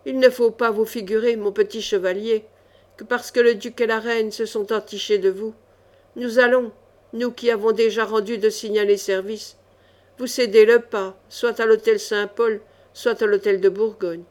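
A woman's voice: a little high, steady tone, moderate pace, darkish tone, lightly acted. Woman reading as a seething, growling baron. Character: jealous hot-tempered male baron, a henchman.

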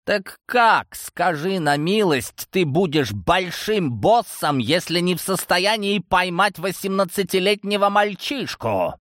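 A man's voice: big pitch swings, a little slow, no echo, clean studio sound. A man voicing an older, wrathful crime boss who roars and blusters at his family. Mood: furious. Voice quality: roaring shouts. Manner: swings from low menacing drawl to high furious yells.

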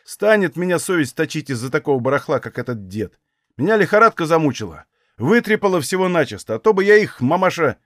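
A man's voice: fairly high pitch, big pitch swings, fast, fairly bright tone, no room sound, studio quality. A man reading as a stubborn, blunt young Cossack who answers in folksy rural speech.

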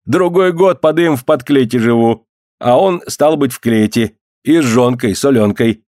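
A man's voice: mid-range voice, normal speed, a little mellow, no room sound, clean studio sound, lightly acted. A man voicing a talkative, frightened male kvass seller in folksy old-style speech. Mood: eager, anxious.

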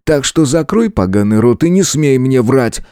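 A man's voice: mid-range voice, big pitch swings, normal speed, warm tone, smooth, no echo, studio quality, voice pushed up, close to an everyday voice. A man voicing a curt, domineering young lord who gives orders, in an audiobook. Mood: commanding. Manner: curt, commanding. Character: young lordly male hero, cold and domineering.

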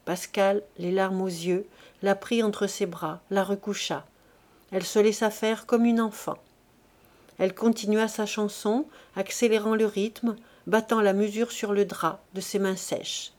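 Woman, audiobook narrator, steady expressive reading, literary narration. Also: medium pitch, unhurried. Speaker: audiobook reader.

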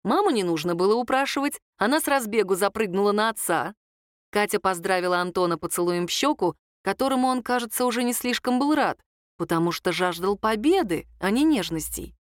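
This scripted audiobook narration features a woman reading a novel a little fast, her medium-pitched voice even and lightly wry. The sound is clean studio audio with no room sound.

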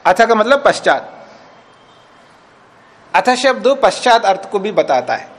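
Speaking slowly in a high, sing-song voice, a man teaching as a swami lectures on a scripture text during a retreat session. He recites Sanskrit lines, explains them phrase by phrase, and checks whether his students follow.

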